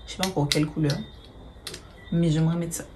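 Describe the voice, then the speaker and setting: A woman's voice: sits low, steady tone, fast, very noisy. A woman, chatting casually through a makeup tutorial, hesitant with many fillers and the odd swear word. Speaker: beauty vlogger.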